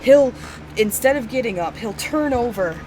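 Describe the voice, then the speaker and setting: Woman gm running a tabletop game, bit high voice, lots of uhs, hissy background. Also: normal speed. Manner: relaxed, with many fillers. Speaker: game master.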